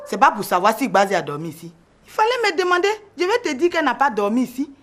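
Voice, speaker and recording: Man playing a nosy woman, quick retorts, comedy sketch. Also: very high voice, sing-song, a bit bright, voice pushed up, exaggerated voice. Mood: indignant. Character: sharp-tongued woman of the household, nosy.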